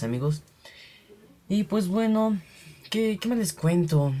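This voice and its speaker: A man's voice: medium pitch, warm tone, a little hiss or hum. A young man, rambling in casual gameplay commentary and voicing digging sounds aloud. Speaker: gaming channel host.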